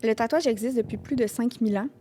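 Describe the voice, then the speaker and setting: Young Québécois woman host, higher-pitched, casual and swearing a bit. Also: quick pace, dark tone, slight background noise. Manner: presents statistics with playful swearing. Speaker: podcast host. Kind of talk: casual chat.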